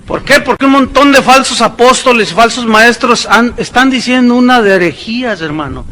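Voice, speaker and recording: High-voiced preacher man. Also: bright, forceful tone, poor audio. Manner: preaching with sarcastic asides and quick mimicking voices. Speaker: pastor. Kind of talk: sermon.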